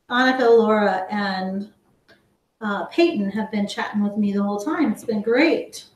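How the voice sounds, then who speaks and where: A woman's voice: on the high side, echoey room. A woman teaching a live online cooking class for kids, chatting with her viewers as she explains each step. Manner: chatty, slow and explanatory, talks to viewers as guys. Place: home kitchen.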